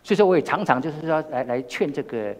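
A man's voice: on the high side, expressive, quick pace. An older man with a Taiwanese Mandarin accent preaching a sermon, telling a personal story with many repeated words and restarts. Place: church hall. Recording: long reverb in a church hall.

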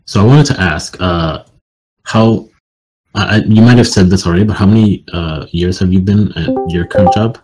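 A man's voice: low voice, normal speed, a little mellow, faint music behind, poor audio. A man hosting an online Q&A on a video call, asking questions hesitantly. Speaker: host. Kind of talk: casual Q&A hosting.

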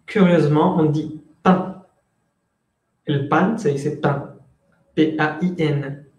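A man's voice: on the high side, darkish tone, reverberant. A man teaching French in an online class, explaining patiently and switching between Spanish and French.

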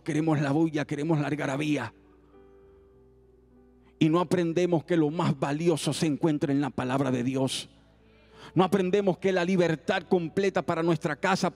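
A man's voice: fairly high pitch, gravelly. A man preaching a youth service sermon. He repeats his exhortations in an earnest, rising cadence.

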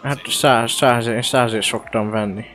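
A man's voice: medium pitch, a little hiss or hum, natural voice. Man playing an easygoing guy coaxing a friend. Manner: calming, pleading. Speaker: streamer playing his role-play character. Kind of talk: role-play in a video game.

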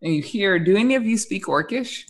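A young woman narrating an improvised tabletop game as dungeon master, conversational and halting, on a headset call. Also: mid-range voice, lively intonation. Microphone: headset on a video call.

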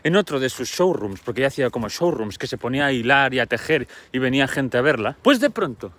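A man's voice: mid-range voice, very animated, quick pace, a bit bright. A man telling a Greek myth in a chatty, slangy, playfully dramatic way. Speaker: storyteller. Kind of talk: comic myth storytelling.

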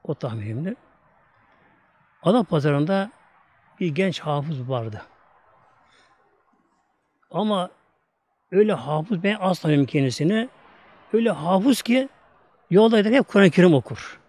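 A man's voice: sits high, lively intonation, a little slow, pauses often, darkish tone. A man with a Turkish accent preaching, telling a story in an emphatic, repetitive way. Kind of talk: storytelling religious talk.

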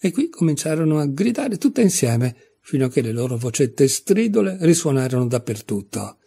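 Male storybook narrator, calm, measured, dark husky voice. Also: fairly high pitch. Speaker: audiobook reader.

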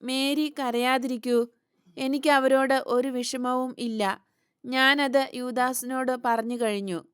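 Woman voicing a calm gentle male teacher, soft and soothing, slow and smooth. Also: high-pitched, dry recording, studio quality.

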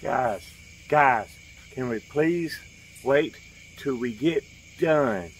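A man's voice: mid-range voice, lively intonation, very slow, slight background noise. A man performing an improvised comedy skit, erratically jumping between many silly voices.

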